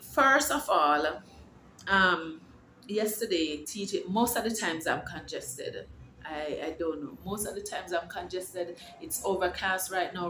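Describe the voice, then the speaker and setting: This home vlog features a middle-aged Jamaican woman whose low, slightly bright voice carries encouraging, preachy talk about faith, casual and rambling with restarts. The echoey room has faint ambience, and there's a touch of hiss or hum.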